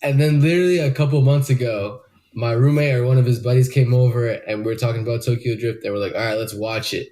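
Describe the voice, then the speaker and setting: A man's voice: medium pitch, quick pace, mellow. A young man co-hosting a podcast in casual chat, rambling loosely with lots of fillers and swearing. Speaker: podcast co-host.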